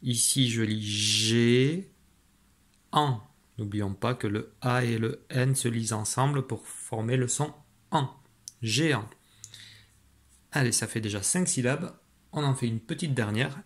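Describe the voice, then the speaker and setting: Patient and kind, a male teacher runs a phonics lesson for young children in a medium-pitched voice. Each letter and syllable is sounded out slowly, and every answer earns the child encouragement and praise.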